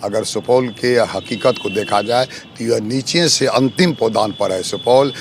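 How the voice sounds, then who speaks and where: A man running as a local election candidate, answering interview questions in a forceful, accusatory way, piling up lists of grievances. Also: mid-range voice, measured pace, slight background noise.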